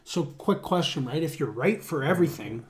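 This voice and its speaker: A man's voice: a little high, animated, normal speed. A man co-hosting a podcast in casual chat, jokey and swearing, often laughing. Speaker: podcast co-host.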